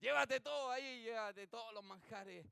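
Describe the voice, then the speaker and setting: A man's voice: very high voice, moderate pace, vocal fry, sharp tone, clear, resonant tone, no echo, studio quality, full character voice. A preacher voicing a generous man who heaps food on his friend. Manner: lavish, listing gifts.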